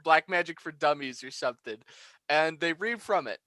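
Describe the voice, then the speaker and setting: A man with a bright, fairly high voice co-hosts a casual review podcast. He laughs often and swears freely as he talks. The sound is dry and close. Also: animated, moderate pace, no room sound. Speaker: podcast co-host.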